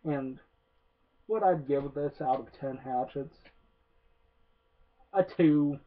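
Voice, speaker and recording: Slow and mid-range in pitch, this man delivers a sarcastic movie review as a rambling, profane rant packed with filler "uh"s. He's a film reviewer, captured on a tinny, lo-fi recording that sounds like a phone.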